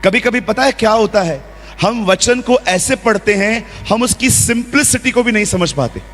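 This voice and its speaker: Guy preaching in a big echoey hall, kinda high voice, acts out the scenes. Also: normal speed, faint music behind. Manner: lively preaching with acted-out quotes and role-play. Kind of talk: sermon. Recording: long hall reverb.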